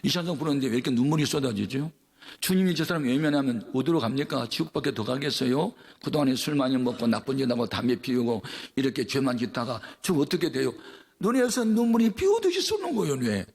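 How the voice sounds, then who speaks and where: A man pastor preaching a revival sermon, telling a story in a folksy way that builds into fervent preaching, with big swings in pitch and loudness. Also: expressive, fast, gravelly, slightly rough.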